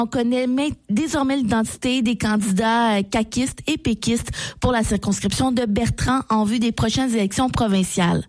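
Woman reading news, slightly high, dry sound. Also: a little mellow, dry recording. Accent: Quebec French. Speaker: news presenter. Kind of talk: local radio news reading.

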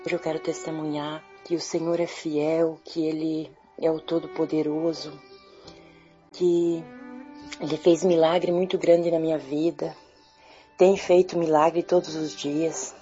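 A woman giving a quiet, measured church testimony with pauses, in a dull lo-fi recording with faint music. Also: low-pitched, flat delivery.

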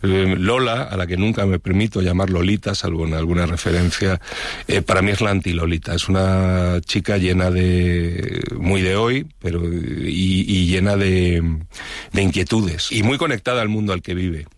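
Deep-voiced reflective man from Madrid. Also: fairly even intonation, normal speed, no echo. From Madrid, Spain. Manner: thoughtful, with frequent restarts and hesitations. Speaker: novelist guest. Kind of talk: reflective interview talk.

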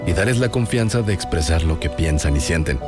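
A man reading a calm public service announcement. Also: low-pitched, fairly quick. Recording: music bed under voice-over.

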